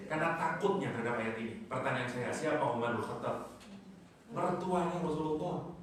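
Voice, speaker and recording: A man's voice: mid-range voice, slight background noise. A man giving a conversational religious lecture on the Quran, often asking his audience questions. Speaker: Islamic teacher giving Quran commentary. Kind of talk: sermon-style lecture. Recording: echoey hall from far off.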